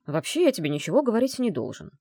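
A woman's voice: mid-range voice, very animated, quick pace, dark tone, no echo, studio quality, pitched above the performer's own voice. A woman voicing a sly, mocking male dragon, cheeky and offhand. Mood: teasing.

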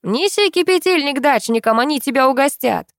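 A woman doing a loud, bossy village neighbor. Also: fairly high pitch, very animated, moderate pace, no echo, clean studio sound, voice pushed up. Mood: brash. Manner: bossy, shouting, mocking.

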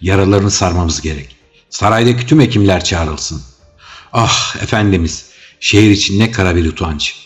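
A man voicing a fretful old male chief advisor who bursts out in shrill, panicky cries. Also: moderate pace, lightly acted. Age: older. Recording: dull audio with faint music.

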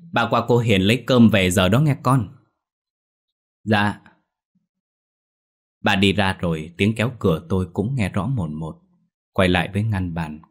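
A man narrates a ghost story. His telling is hushed and suspenseful, steady in its pacing. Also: deep voice, slightly rough.

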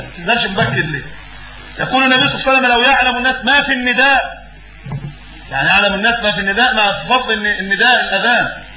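Egyptian male preacher, high and rapid, answers his own questions and repeats words, echoey room. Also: pushed and bright, a little hiss or hum. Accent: Egyptian Arabic. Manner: asks questions and fills in the answer himself. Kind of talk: religious lesson.

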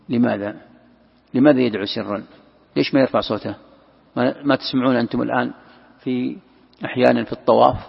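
A man's voice: medium pitch, vocal fry, husky. A man giving a religious lesson on Quran commentary, emphatic, asking rhetorical questions and repeating key phrases. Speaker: Islamic scholar teaching Quran commentary. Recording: echoey hall, dull lo-fi sound.

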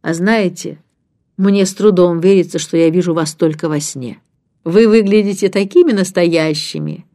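A gentle scholar speaks in a low, warm voice, soft and earnest. A woman reads him in a storybook reading, barely changing her own voice. The delivery stays hushed and sincere. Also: normal speed, lightly acted. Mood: wistful. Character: gentle male scholar, dreamy and grateful.

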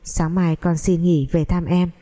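A woman's voice: fairly low pitch, level tone, measured pace, mellow, lightly acted. A woman voicing a worried young woman, an older sister who talks in an anxious, pleading way.

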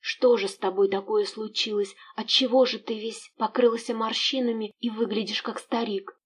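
A woman reading the part of a caring young gentlewoman who fusses and scolds her coachman. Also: fairly high pitch, fairly even intonation, moderate pace, husky. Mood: tender. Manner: emotional, bossy toward servant.

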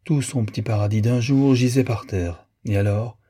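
A man reading a novel aloud as narrator, in a measured, even way. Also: lowish voice, husky. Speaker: audiobook narrator. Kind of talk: scripted narration.

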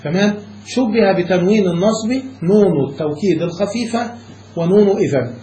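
A sheikh teaches a classroom grammar lesson in a high, mellow voice, laying out each rule step by step. He pauses often to check that his students follow. The recording sounds roomy, with a faint hiss underneath. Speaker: Islamic scholar teaching Arabic grammar.

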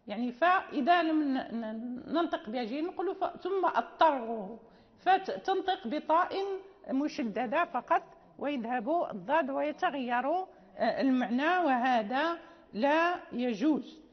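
A woman teaching Quran recitation and tajweed, explaining slowly with pauses and recited examples. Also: high-pitched, long reverb tail, highs cut off. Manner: slow, careful explanation with many pauses and check-ins. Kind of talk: classroom lecture with recited examples.

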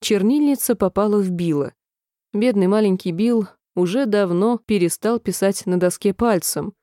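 A woman narrates a storybook audiobook with measured, expressive storytelling. Her voice is mellow and warm, recorded close and dry. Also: medium pitch, no room sound.

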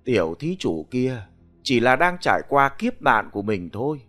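A man voicing a calm wise old monk. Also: medium pitch, normal speed, soft background music. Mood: serene.

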